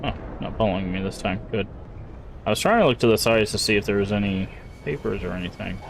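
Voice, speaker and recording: Male gamer, lowish voice, relaxed playthrough commentary over audible background noise. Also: fast, creaky. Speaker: video game player commentator. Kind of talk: casual gameplay commentary.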